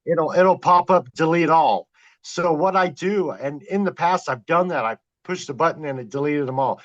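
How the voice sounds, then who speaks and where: A man's voice: on the high side, moderate pace. Storytelling man on a dull lo-fi line. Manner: excited, animated retelling with quoted exclamations. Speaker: guest, trail camera wildlife filmer. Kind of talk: storytelling in a podcast interview.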